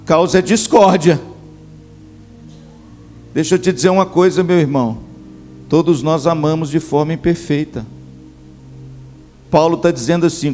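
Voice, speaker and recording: A man's voice: on the high side, a little mellow. A middle-aged male pastor preaching a sermon at a church camp, speaking to his listeners as brothers. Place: church camp meeting hall.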